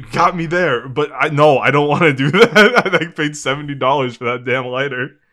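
A man's voice: on the high side, lively intonation, unhurried, pushed and bright. A young man co-hosting a podcast in casual chat, laughing often and swearing freely. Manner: giggly, swears casually, says "like" and "dude" a lot. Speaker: podcast co-host.

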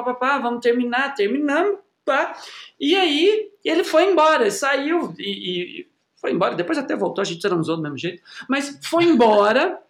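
A man in casual chat, telling stories with animation and acting out scenes. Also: very high-pitched. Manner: animated storyteller, acts out scenes with mock crying. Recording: roomy echo.

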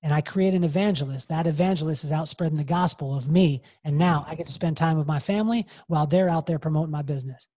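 Emphatic husky-voiced hairdresser guest. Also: mid-range voice, fast talker, few pauses, no room sound, studio quality. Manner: emphatic, repeats key phrases, animated asides. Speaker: guest, hairdresser and salon coach. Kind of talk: podcast interview, motivational advice.

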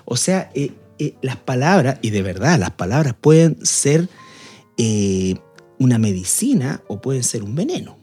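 Earnest, mellow-voiced married man explaining. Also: medium pitch, very animated, a little slow, slightly rough, faint music behind. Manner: earnest, explaining at length with many restarts. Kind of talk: casual discussion.

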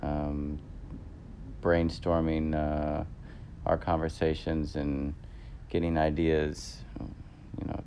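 A man in his thirties co-hosts a casual podcast with his partner, rambling along with many fillers and self-corrections. His voice is extremely low, monotone, slow and mellow, with a little hiss or hum in the audio.

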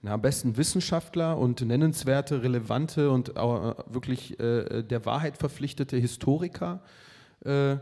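A man's voice: mid-range voice, a little slow, mellow. A man on a discussion panel, speaking thoughtfully and hedging his points, with frequent fillers. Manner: thoughtful, qualifying, many fillers. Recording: reverberant hall.

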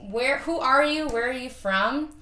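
A woman's voice: high voice, a little slow, pushed and bright. A woman from New York co-hosting a podcast, introducing the show and asking the guest questions in a friendly, upbeat way. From United States. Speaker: podcast co-host. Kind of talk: podcast host intro and interview.

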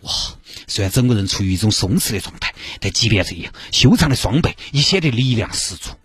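A man with a Sichuanese accent tells a comic story, full of exclamations. His pitch moves in a lively way, and the voice is husky. The sound is dry and close, with faint music underneath. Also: quick pace, no room sound. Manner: animated, exclaiming.

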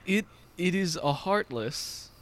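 A man's voice: high-pitched, lively intonation, slow, a bit bright. A man playing a tabletop game, inquisitive and wry. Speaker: player.

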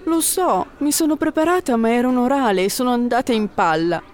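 Woman as young student, let down, slightly high voice, natural read. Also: animated, a little fast, darkish tone, natural voice. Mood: disappointed. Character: young female university student, let down after failing an exam. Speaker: dialogue voice in a language lesson. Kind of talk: scripted dialogue.

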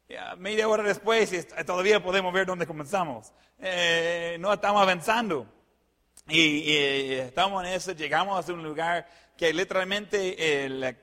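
High-voiced man telling a story. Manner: lively retelling with sound effects and fillers. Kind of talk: personal anecdote. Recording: long hall reverb.

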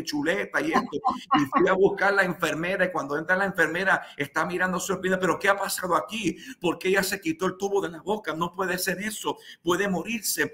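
Emotional pastor telling a testimony. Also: male voice, fairly high pitch, sharp tone. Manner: emotional, dramatic retelling with quoted voices. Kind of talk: testimony storytelling.

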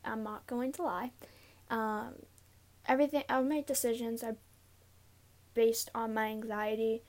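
Young woman, higher-pitched, nervous and giggly, halting casual solo podcast delivery from inside a closet. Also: steady tone, darkish tone. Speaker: podcast host. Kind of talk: casual confessional solo talk. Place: inside a closet, sitting on a pillow.

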